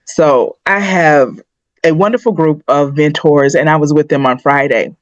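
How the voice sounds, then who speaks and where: A woman's voice: deep voice, normal speed, dry recording. Woman, middle-aged, podcast co-host, confiding chat, dry room, slightly dull sound. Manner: personal and confiding, thinks aloud with restarts. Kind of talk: candid conversational chat.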